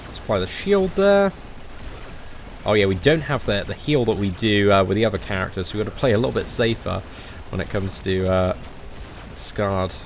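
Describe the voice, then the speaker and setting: A young man giving casual game commentary as a boss guide, chatty and relaxed with lots of fillers. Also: lowish voice, normal speed, slight background noise. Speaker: gaming channel host.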